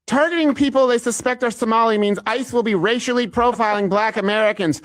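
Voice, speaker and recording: A man's voice: very high voice, fairly quick, no echo. A man chatting casually on a podcast, rambling with many fillers. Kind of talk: casual chat.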